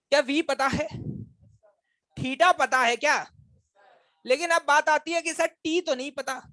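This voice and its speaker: A man's voice: very high-pitched, fairly bright tone, dry recording. A male physics teacher giving a classroom lecture, quizzing and teasing his students and calling them brothers.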